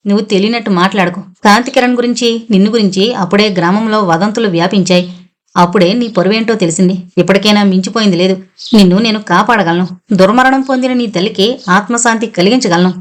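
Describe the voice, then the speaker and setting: A woman's voice: mid-range voice, fast talker, natural voice. Preachy menacing swami, a schemer, played by a woman reading a novel in a storybook voice. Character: scheming lecherous male swami, self-righteous.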